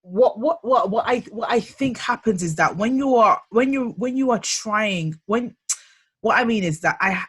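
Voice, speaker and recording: A young woman co-hosting a candid discussion podcast, talking in halting bursts with many restarts as she searches for words. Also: fairly high pitch, animated, breathy edge. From United Kingdom. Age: young adult. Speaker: podcast co-host.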